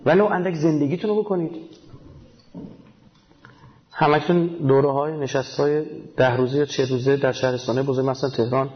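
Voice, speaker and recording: A man's voice: mid-range voice, fairly even intonation, long pauses. Emphatic male preacher, dull lo-fi sound. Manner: emphatic, asks rhetorical questions and answers them. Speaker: religious speaker. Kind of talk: casual colloquial religious talk. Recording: dull lo-fi recording.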